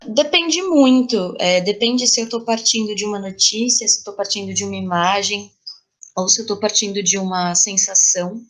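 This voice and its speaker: Speaking at a moderate pace in a mid-range voice, a Brazilian Portuguese-accented woman answers questions as a playwright in a reflective interview. She sounds thoughtful and explanatory, searching for her words as she goes.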